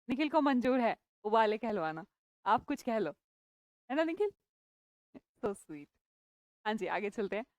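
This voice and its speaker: A woman's voice: a little high, dry recording. A woman teaching English vocabulary in a live online class, chatty and playful, teasing her students by name.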